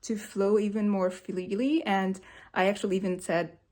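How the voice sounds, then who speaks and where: A woman whose first language is Hungarian speaks at a moderate pace in a medium-pitched, level, slightly mellow voice. She's a vlogger sharing her movement practice in a reflective personal monologue, hesitant and full of fillers.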